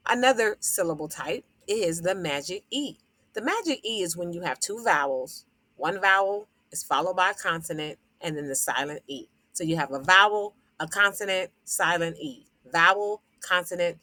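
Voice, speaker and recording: A woman teacher with a lowish, bright, forceful voice explains vowel syllable types to fellow educators. She sounds out example words and repeats them with fillers, and there's no echo on the recording.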